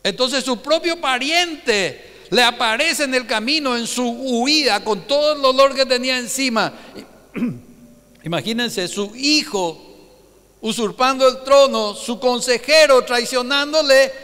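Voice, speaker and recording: A man preaching a Sunday sermon as pastor, animated and keeps putting rhetorical questions to his congregation. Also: very high voice, measured pace, smooth, big-room sound. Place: church hall.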